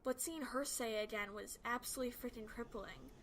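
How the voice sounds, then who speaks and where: A woman's voice: fairly high pitch, brisk, fairly bright tone, a little hiss or hum. A woman reading a scripted first-person horror story as its narrator.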